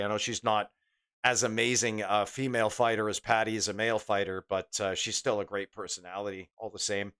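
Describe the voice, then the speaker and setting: A man's voice: fairly low pitch, pushed and bright. A man streaming live, chatting casually while calling the game in rambling, play-by-play asides. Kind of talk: casual live gameplay commentary.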